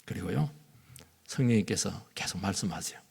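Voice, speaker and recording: Gravelly animated preacher man. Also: sits low, a little fast. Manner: animated preaching, acts out voices of Jesus and Peter, swings from loud to hushed. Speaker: pastor. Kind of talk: sermon. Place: church sanctuary. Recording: long hall reverb.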